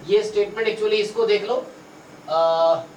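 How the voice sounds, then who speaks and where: A man's voice: high voice, unhurried, darkish tone. A man teaching a math exam-prep class, thinking aloud and repeating himself as he works through problems. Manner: explains in mixed Hindi and English, thinks aloud, repeats himself. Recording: roomy, distant mic with faint noise.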